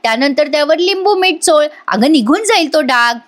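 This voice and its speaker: A woman's voice: sits high, expressive, normal speed, voice pushed up. A woman voicing a sly young wife who teases her rival in a mock-sweet, playful way. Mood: teasing.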